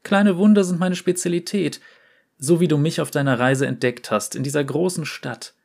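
A man voicing a shy, gentle porcelain clockwork boy in a storybook, soft-spoken and playful. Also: a little high, normal speed, gravelly, pitched above the performer's own voice.

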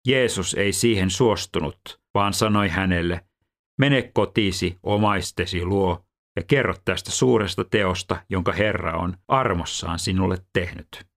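A man reading scripture aloud in a measured, even scripted delivery. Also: deep voice. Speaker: scripture reader.

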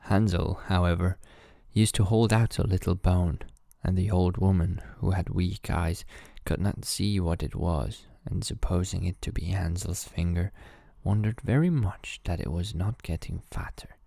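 A man reading a fairy tale aloud as a bedtime story, calm and measured. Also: deep voice, gravelly, no echo, studio quality.

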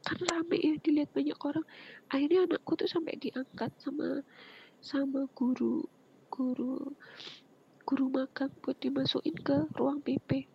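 A woman, earnestly telling her personal story as an interview guest, often dropping into a soft breathy whisper. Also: sits high, steady tone, measured pace, pauses often. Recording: muffled lo-fi with faint background noise.

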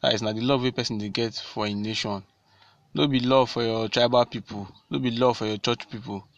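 A man's voice: medium pitch, steady tone, fairly quick, no echo, lo-fi sound. A man with a Nigerian accent speaking directly to fellow citizens in a civic talk, repeating key phrases and answering his own questions.

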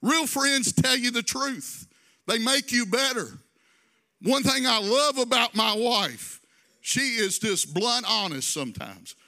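A man's voice: very high voice, animated, takes it slowly, creaky, sharp tone. A male pastor preaching a conversational sermon, drawing phrases out in a sing-song and adding folksy asides.

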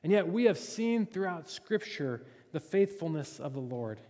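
A man's voice: fairly high pitch, big pitch swings, normal speed, dark tone. A male pastor preaching a sermon in an earnest, expository manner in a church. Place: church sanctuary. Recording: reverberant church sanctuary.

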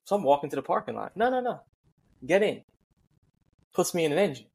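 A man's voice: fairly high pitch, lively intonation, quick pace, creaky, darkish tone, breathy edge. A man hosting a podcast, trading a laid-back story of his own start as a firefighter. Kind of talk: casual conversation.

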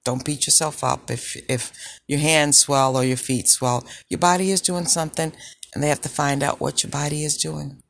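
A woman with a low, sultry voice hosting a personal podcast, speaking in a deliberate, reflective way with pauses. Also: fairly even intonation, gravelly. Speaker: podcast host. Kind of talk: personal health podcast monologue.

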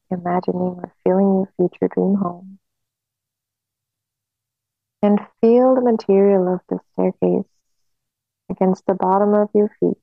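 A woman guiding a hypnosis relaxation in a slow, soothing hypnotist manner with long pauses, on a narrow phone-like recording. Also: mid-range voice, creaky, no room sound.

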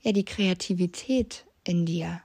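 A woman hosting a solo podcast, talking directly to the listener in an earnest, gentle way and posing many self-reflection questions with frequent restarts. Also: fairly low pitch, a little slow, breathy edge. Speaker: podcast host.

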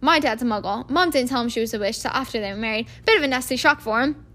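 A woman's voice: on the high side, fast, pushed and bright. A woman voicing an eager, inquisitive eleven-year-old schoolboy. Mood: curious.

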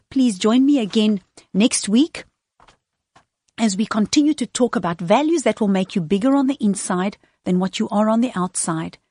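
A woman giving an earnest, encouraging motivational radio talk, addressing the listener directly in halting, emphatic phrases. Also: mid-range voice, dark tone, dry recording, clean studio sound. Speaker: radio speaker and host of a weekly values talk.

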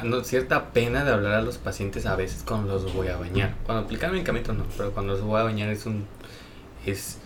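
A man's voice: lowish voice, background noise. A man with a Mexican accent, a nurse, chatting casually on a podcast in slangy speech full of filler words. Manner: slangy, peppers speech with "güey", laughs while telling stories.

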